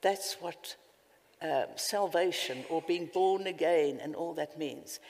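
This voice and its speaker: A woman with a South African accent preaches a passionate, emphatic sermon in a church hall, her voice fairly low and slow, rising suddenly into loud bursts. The hall is reverberant.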